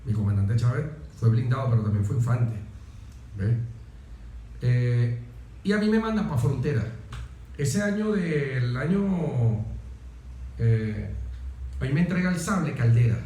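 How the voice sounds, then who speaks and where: In a very echoey room, this middle-aged Venezuelan man, a military officer, shares personal stories as an interview guest, stressing points and repeating phrases often. His mellow, mid-range voice is animated but a little slow, broken by frequent pauses. The talk is conversational storytelling.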